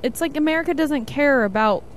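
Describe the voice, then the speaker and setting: A woman's voice: high voice, expressive, brisk, a little hiss or hum. A woman co-hosting a radio talk show, airing strong opinions in casual chat. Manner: opinionated, laughs easily.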